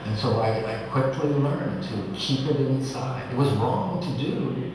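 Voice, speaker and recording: A man in his sixties, a Vietnam veteran, recalling his past in a reflective, plainspoken documentary interview. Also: medium pitch. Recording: very echoey hall, distant mic, crowd noise.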